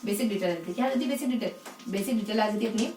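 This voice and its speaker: Woman teacher going over phonetics, talks quick, repeats words slow, a bit far from the mic, faint hum behind. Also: mid-range voice, mellow, roomy sound. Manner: asks the class questions and answers them herself; repeats key words slowly. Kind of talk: explanatory lesson in Hindi.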